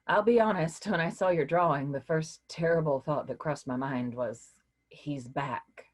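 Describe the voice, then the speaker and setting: In a staged reading, a woman with a low, husky voice plays a weary but caring literature professor. She speaks in a measured, hesitant, reassuring way. Her mood is cautious and careful.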